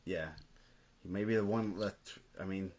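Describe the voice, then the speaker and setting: A man co-hosting a casual podcast about high school wrestling, running through results in a steady, list-like way. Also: slow. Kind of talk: casual sports chat.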